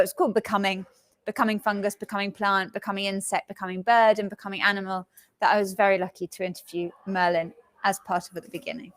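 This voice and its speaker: A woman, a language artist, introducing her work at a live panel talk in a reflective, halting way. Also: medium pitch, a bit bright. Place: live talk event before an audience.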